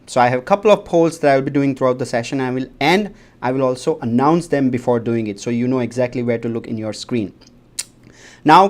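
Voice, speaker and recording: A man moderating a livestream panel, giving formal notes to viewers in a polite, announcing manner. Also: mid-range voice.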